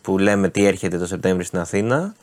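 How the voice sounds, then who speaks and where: A man as a guest, chatting in a relaxed way and listing upcoming concerts, films and shows. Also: low voice. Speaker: culture guest. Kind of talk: casual chat about upcoming events.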